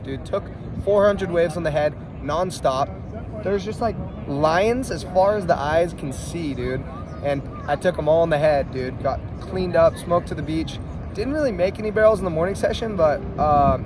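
A young man talks in excitable, sweary surf slang. His voice sits a little high for a man. It is a casual phone vlog shot outdoors on a beach, with plenty of noise around him. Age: young adult. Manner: slangy, profane, hyped surfer talk. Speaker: surfer. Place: open beach at sunset. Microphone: phone at arm's length. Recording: noisy outdoor phone recording, surf and wind.

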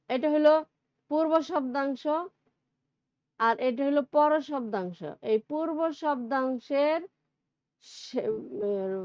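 A woman's voice: sits high, fairly bright tone, clean tone, no room sound. A woman teacher with a Bangladeshi Bengali accent, giving a recorded grammar lesson and explaining step by step with questions to her students. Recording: dull lo-fi recording.

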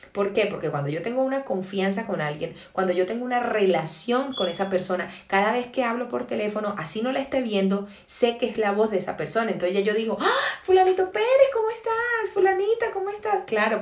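A woman giving an early-morning devotional sermon, preaching earnestly and emphatically with slow, stressed phrases and rhetorical questions. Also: medium pitch, echoey room.

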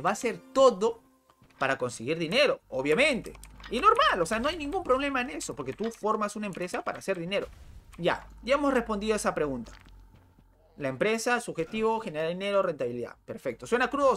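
Animated streamer man, lively pitch. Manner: animated and talkative, full of rhetorical questions. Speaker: gaming streamer. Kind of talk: live gameplay chat with a rant to viewers.

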